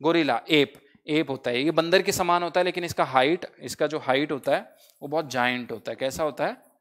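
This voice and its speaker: A man's voice: a little high, a little fast. A man teaching English vocabulary for an exam-prep class, asking questions and answering them himself, spelling words out letter by letter. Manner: mixes English phrases into his teaching. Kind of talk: online exam-prep lesson.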